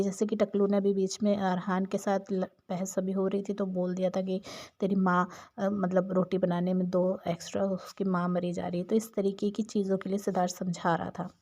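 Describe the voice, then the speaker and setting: Chatty woman recapping a show, mellow. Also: mid-range voice. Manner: chatty, opinionated storytelling. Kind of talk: casual episode recap narration.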